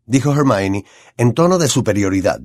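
A man with a Latin American Spanish accent narrating an audiobook in an expressive storytelling way. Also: mid-range voice, moderate pace, no room sound, studio quality.

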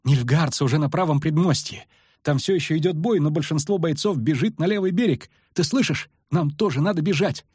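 A man voicing a frantic young male bard who pleads and curses in a shrill, breathless way, in an audiobook. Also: fairly quick, a little mellow, slightly rough, dry recording, clean studio sound. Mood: panicked.

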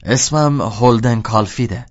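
A man voicing a teenage boy who deepens his voice to sound older, hesitant and overly polite. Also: natural voice. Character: teenage boy faking a grown-up voice. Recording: dull lo-fi audio.

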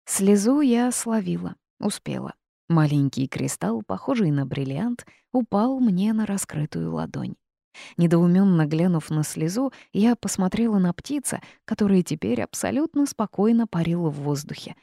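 A woman reading a first-person audiobook, telling the story in a lively way with the heroine's asides. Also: lowish voice, normal speed, gravelly, dry recording, studio quality. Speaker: audiobook narrator.

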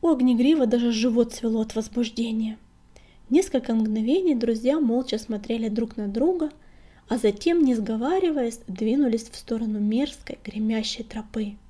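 A woman narrating an audiobook in a soft, hushed whisper. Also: on the high side, moderate pace. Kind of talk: whispered storytelling.

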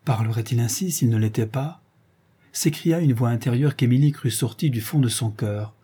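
A man narrating a classic novel as an audiobook, in a measured, even reading. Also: medium pitch, husky.

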